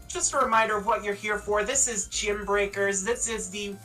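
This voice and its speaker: A Canadian woman hosts and casts a live esports stream, trading joking, boastful banter. Her voice sits at medium pitch, steady and sharp-toned, at a normal speed. The mic is distant, with faint music in the background.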